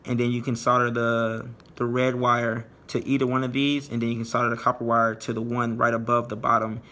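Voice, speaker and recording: A man's voice: mid-range voice, little pitch movement, fairly quick, sharp tone. A man giving a casual, plain-spoken how-to narration, explaining things informally as a DIY presenter.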